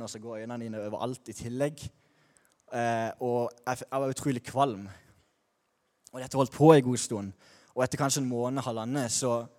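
A man's voice: mid-range voice, a little mellow, long reverb tail. Young man telling a candid faith story. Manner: candid, slangy, with restarts. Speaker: speaker sharing a personal faith testimony. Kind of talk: personal testimony talk.

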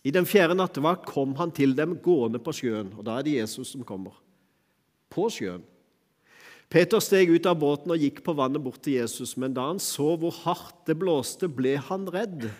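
Middle-aged male preacher, slightly high voice, relaxed conversational sermon, reverberant church. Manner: conversational preaching with chuckles and fillers.

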